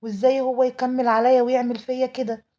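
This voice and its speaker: A woman's voice: sits high, level tone, fast talker, mellow, highs cut off. A woman with an Egyptian Arabic accent telling a dramatic first-person story, in an emotional, pleading manner. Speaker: storyteller narrating a mother's tale.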